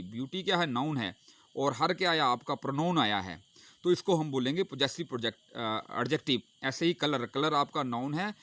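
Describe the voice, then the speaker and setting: A man teaching English grammar in Hindi, asking questions and answering them himself, reading English example sentences slowly. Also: a little high, a bit bright. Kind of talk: explaining a grammar lesson.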